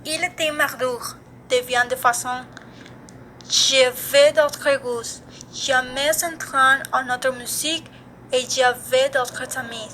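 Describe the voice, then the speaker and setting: A teenage girl, reading a self-introduction in a plain, deliberate way. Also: sits high, steady tone, bright, forceful tone, slight background noise. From Mexico. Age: teens. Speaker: student.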